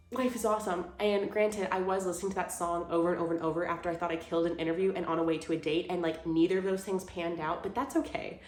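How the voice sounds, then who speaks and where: A woman's voice: lowish voice, a little mellow. A woman, chatting casually about her favorite things of the month, gushing and full of fillers. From Houston, Texas. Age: 20s. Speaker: vlogger. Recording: roomy sound with faint music.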